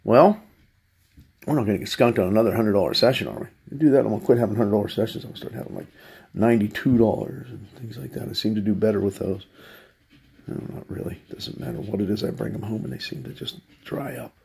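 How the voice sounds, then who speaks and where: A man's voice: lowish voice, quick pace, creaky, darkish tone, slight background noise. A man hosting his own lottery video, talking to himself in a wry, sarcastic running commentary as he scratches tickets. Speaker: channel host.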